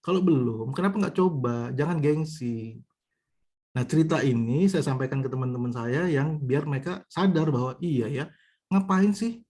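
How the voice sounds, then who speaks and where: A man's voice: mid-range voice, moderate pace, warm tone, breathy edge. A man giving a conversational motivational business talk, telling stories and addressing the audience directly, with a lot of repetition. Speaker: business trainer.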